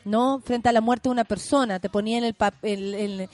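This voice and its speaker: A woman with a Chilean accent hosting a casual conversation, supportive and quick to finish the other speaker's thoughts. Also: a little high, steady tone, darkish tone, no echo, faint music behind. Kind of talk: casual chat.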